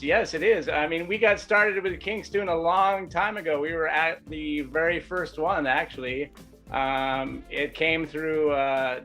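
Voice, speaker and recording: A man's voice: on the high side, a bit bright. A man speaking casually and a bit hesitantly as a sponsor guest on a video call. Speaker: sponsor representative, interview guest. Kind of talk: casual remote interview. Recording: music behind the voice. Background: music.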